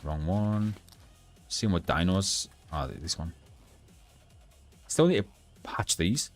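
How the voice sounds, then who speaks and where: A young man streaming a game, chatting bluntly and rambling with halting restarts to his live chat. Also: low voice, animated, soft background music. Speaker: gaming livestreamer.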